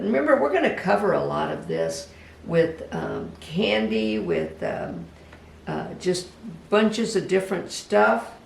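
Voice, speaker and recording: A craft instructor giving a casual step-by-step demonstration, talking gently and unhurriedly, even chatting to the project. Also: medium pitch, gravelly. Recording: echoey room, voice from a distance, faint background hum.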